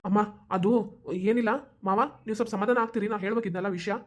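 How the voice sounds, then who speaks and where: A woman's voice: medium pitch, fairly even intonation, fast, darkish tone, lightly acted. Woman voicing a persuasive young husband. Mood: pleading. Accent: North Karnataka Kannada. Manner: coaxing, reassuring. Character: calm, persuasive young husband, a loyal friend. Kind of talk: cartoon voice acting.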